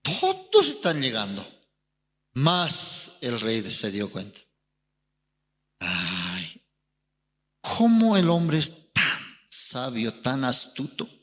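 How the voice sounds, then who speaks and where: Bolivian pastor man telling a sermon story, slow and swooping, long hall reverb. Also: medium pitch, big pitch swings, bright, forceful tone. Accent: Bolivian Spanish. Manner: storytelling with acted quotes, emphatic and drawn out.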